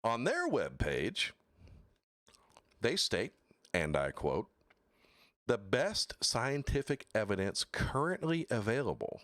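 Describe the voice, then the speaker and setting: On his laid-back livestream talk show, this host reads quotes out loud and ridicules product claims in a blunt, profane way. His delivery is slow and deliberate, broken by sudden high-pitched exclaims. The voice is a bit bright, with no room sound and a clean studio quality.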